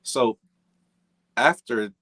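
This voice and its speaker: Here the Jamaican-accented jazz musician, a middle-aged guest in a laid-back interview, talks very slowly in a mid-range voice that sounds pushed and bright. His easygoing, wandering chat is full of fillers and restarts.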